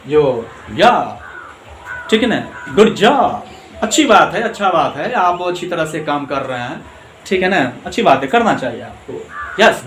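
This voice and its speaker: A man teaching English grammar, explaining slowly in Hindi mixed with English and often checking that his listeners follow. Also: a little high, fairly bright tone. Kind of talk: classroom grammar lesson. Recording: echoey room with faint noise.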